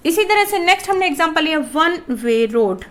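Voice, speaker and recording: High-voiced woman teaching grammar. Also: lively intonation, normal speed, fairly bright tone. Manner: asks questions and answers them herself; addresses viewers as children. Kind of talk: classroom grammar lesson.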